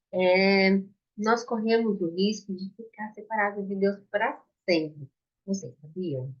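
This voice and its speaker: A Brazilian woman giving an informal Bible story lesson to children, explaining simply in halting phrases with questions to her young listeners. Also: medium pitch. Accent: Brazilian Portuguese. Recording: dull lo-fi sound.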